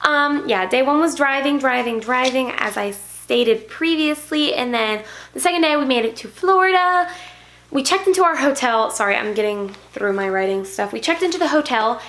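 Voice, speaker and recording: Chatty, excited young woman vlogger. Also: high voice, normal speed. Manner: chatty, excited, rambling with self-corrections. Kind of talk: casual vlog recap.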